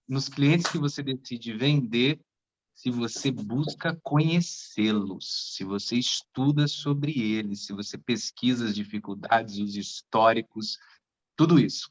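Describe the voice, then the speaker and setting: A man, a co-host asking measured, curious questions. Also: medium pitch. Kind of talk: casual chat. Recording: dull lo-fi sound.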